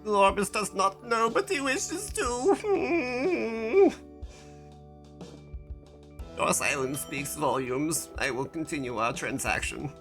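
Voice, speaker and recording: A woman's voice: medium pitch, sing-song, slow pace, long pauses, fairly bright tone, faint music behind, heavily acted. A woman voicing an alien shopkeeper who fakes being human, speaking in a stilted, overly formal way with musing hums. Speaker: streamer playing a shop game.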